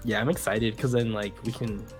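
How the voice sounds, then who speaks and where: A man's voice: on the low side, fairly even intonation, brisk, soft background music. A young man hosting a casual podcast with friends, laid-back and joking. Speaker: podcast host. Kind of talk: casual chat among friends.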